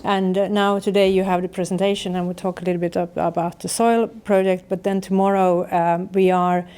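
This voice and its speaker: A woman's voice: on the low side, level tone, a little fast, darkish tone, smooth. A woman organizing an event, giving friendly, rambling welcome remarks with many fillers.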